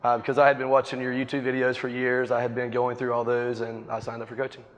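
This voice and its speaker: A hoarse man from North Carolina, talking quickly and upbeat as a guest in an onstage interview. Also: mid-range voice, monotone. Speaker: real estate agent, guest speaker. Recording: muffled hall sound.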